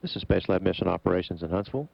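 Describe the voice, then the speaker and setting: Mission commentator, male, low gravelly voice, measured and formal, slightly dull feed. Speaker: mission operations public affairs commentator. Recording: dull, muffled broadcast feed.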